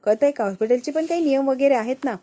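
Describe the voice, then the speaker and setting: A woman puts on a stern, bossy hospital nurse who barks out her orders. The voice sits a little high and comes fast and loud, with a dark, mellow tone under the sharpness. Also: natural voice. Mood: scolding.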